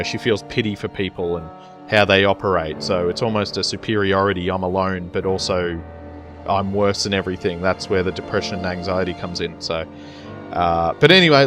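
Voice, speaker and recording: Male gaming host, lowish pitch, casual gameplay commentary, faint music behind. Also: fairly bright tone.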